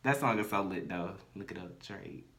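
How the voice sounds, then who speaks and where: A man's voice: low-pitched, normal speed, fairly bright tone. A man co-hosting a podcast in casual chat, blunt and playful. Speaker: podcast co-host.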